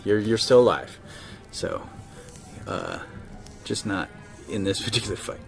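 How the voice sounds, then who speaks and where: Male game streamer, slow and lively, excitable, chats with viewers. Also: lowish voice, gravelly, soft background music. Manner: excitable, talks to game units and chat. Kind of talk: live let's-play commentary.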